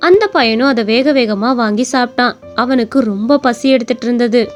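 Woman narrator, cartoon story, high pitch, calm storytelling. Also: brisk, faint music behind.

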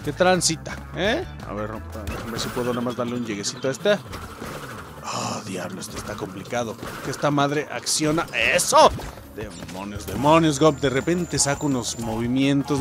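Speaking at normal speed and medium pitch over music, a young Mexican-accented streamer narrates his gameplay casually. Mistakes draw swearing and yelps from him, and he keeps addressing his viewers directly in an excitable way.

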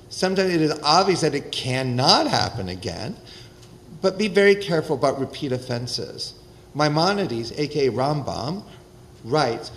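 An older man, a rabbi, preaching a sermon at a podium microphone in a synagogue, animated and wry, with lively gestures. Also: on the high side, poor audio. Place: synagogue sanctuary, indoors.

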